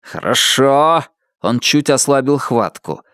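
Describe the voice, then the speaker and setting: Man reading a tense audiobook, animated. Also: mid-range voice, normal speed, no room sound, clean studio sound. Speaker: audiobook narrator.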